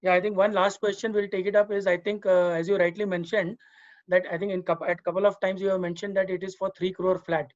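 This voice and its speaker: A man's voice: high voice, little pitch movement, quick pace. A man with an Indian accent moderating an online session off the cuff, heard through lo-fi call audio. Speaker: session host. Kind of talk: unscripted online panel moderation.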